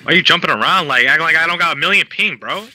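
A young man raging as he plays, yelling and whining in casual, profane gaming chat. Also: on the high side, racing. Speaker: gamer. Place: gaming voice chat over game audio. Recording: noisy gaming voice chat with game sounds.

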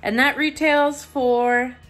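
A woman's voice: high-pitched, fairly even intonation, slow, fairly bright tone. Chatty woman reviewing a beauty box. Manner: chatty, easygoing, muses aloud with fillers. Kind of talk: casual chat.

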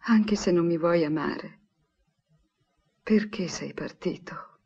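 Anguished young woman, slow husky voice, dull old film sound. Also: on the low side, fairly even intonation, darkish tone, full character voice. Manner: intimate, anguished, confessional. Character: troubled young woman pining for her professor. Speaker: troubled young woman on the phone. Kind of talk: 1960s Italian film dub.

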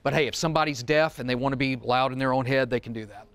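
A middle-aged man with a mid-range, a bit bright, clear and resonant voice talks fast as he leads a seminar, informally demonstrating a technical product with plain speech and casual asides. He's seated at a demo table among a small group in a studio room, miked close with a wireless mic and no echo.

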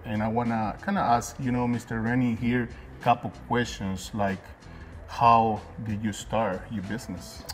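Earnest Guatemalan-born man hosting a chat. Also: lowish voice. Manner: plain-spoken, earnest storytelling with fillers. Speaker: host. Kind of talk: casual interview. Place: detailing supply shop, indoors.

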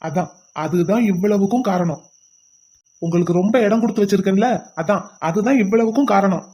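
A woman's voice: mid-range voice, fairly quick, mellow, slightly rough, close to an everyday voice. A woman voicing a stern young husband in a cartoon who lectures and scolds. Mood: scolding. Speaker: cartoon voice actor. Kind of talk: cartoon voice acting.

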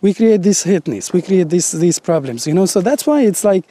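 A man in his forties with a Palestinian Arabic accent, a native Arabic speaker, talking earnestly in halting English on an open hilltop, gesturing as he goes, full of "like" and "you know". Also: high-pitched, no echo. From Palestinian territories. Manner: animated, gesturing, halting English with many fillers. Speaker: interviewee. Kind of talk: earnest outdoor interview. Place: hilltop outdoors above a city.

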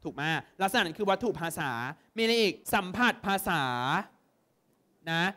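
Brief: young male exam tutor from Thailand, high voice, keeps firing quick check-in questions at the class. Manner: lively, constantly checks understanding with quick questions. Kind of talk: exam prep lesson to students.

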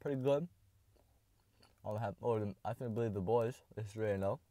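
A teenage boy rambling offhand through a casual snack review in his parked car, often dropping into low, soft asides. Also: a little fast, dry recording.

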